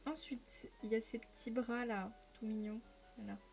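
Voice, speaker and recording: A young adult woman chatting casually to her viewers during a live coloring stream, talking straight to them in a lively, familiar way. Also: on the high side, moderate pace, vocal fry, soft background music.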